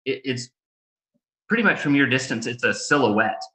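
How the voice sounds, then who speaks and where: A man narrating a tabletop game as game master, improvising and pausing mid-phrase. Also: mid-range voice, animated, sharp tone. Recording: echoey room.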